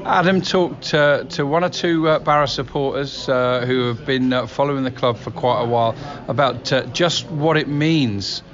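A man's voice: mid-range voice, moderate pace, a bit bright. A man interviewing on location as a football commentator, with hesitant, stop-start phrasing. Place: busy pub. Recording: dull sound amid crowd chatter.

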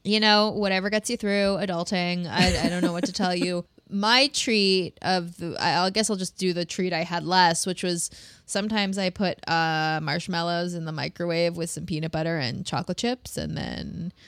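A woman's voice: lowish voice, fairly even intonation, normal speed, fairly bright tone, no room sound. A woman co-hosting a podcast in casual chat, chatty and self-deprecating, laughing often. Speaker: podcast co-host.

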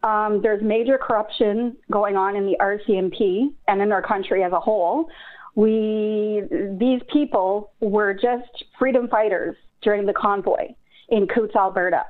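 A woman's voice: medium pitch, measured pace. Woman from Canada, phone-in caller, earnest and urgent, tinny line. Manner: earnest, urgent, getting emotional. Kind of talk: phone-in call.

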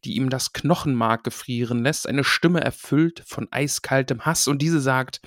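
A man's voice: mid-range voice, measured pace, fairly bright tone, no room sound, clean studio sound. A man co-hosting a casual podcast, chattily retelling a book chapter with playful voiced quotes. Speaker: podcast co-host.

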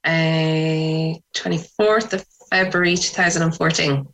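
A woman with a west of Ireland accent recounting personal memories in an interview, reflective and pausing softly as she goes. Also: sits low, little pitch movement, poor audio. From Sligo, west of Ireland.

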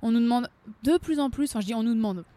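A woman's voice: fairly high pitch, fast, warm tone. Chatty young woman singer. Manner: chatty, laughs often, many fillers and restarts. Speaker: singer guest. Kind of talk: casual interview chat.

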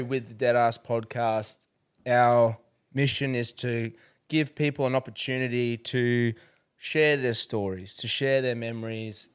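Casting: male Australian podcast host, laconic outback drawl, mid-range pitch, casual and sincere. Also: clean tone. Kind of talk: casual, sincere interview chat.

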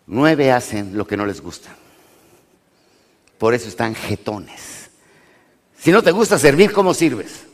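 A motivational speaker with a Mexican accent delivers a business lecture to an audience in a large lecture hall, with the hall's reverb audible. His mid-range voice is animated, swinging between loud and hushed, and he often questions the crowd.

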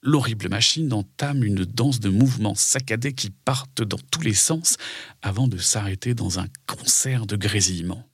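A man's voice: fairly low pitch, moderate pace, breathy edge, dry recording, clean studio sound. A man narrating a scripted dramatic story for children.

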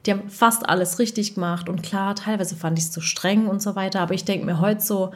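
A woman in her thirties, a dubbing voice actress and mother, chatting casually and telling lively stories with acted-out quotes. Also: mid-range voice, a little fast. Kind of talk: casual chat.

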